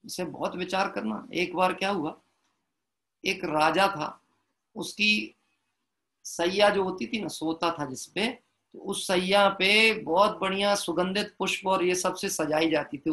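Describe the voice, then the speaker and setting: A man preaches a devotional sermon in a high, ringing voice. He mixes plain storytelling with slow, chanted verses and keeps asking the listeners rhetorical questions. His tone stays bright and clear throughout. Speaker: Jain preacher.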